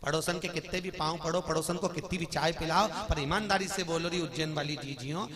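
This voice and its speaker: A man giving a lively devotional sermon. He teases and questions his audience, swinging between loud outbursts and soft, low asides. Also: a little fast, crowd noise. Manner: lively, teasing, addresses the audience directly. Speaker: religious storyteller.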